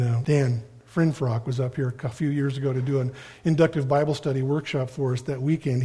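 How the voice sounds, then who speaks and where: A man's voice: a little high, dark tone, husky. Folksy man preaching a sermon. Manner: conversational, folksy, storytelling asides. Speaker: pastor.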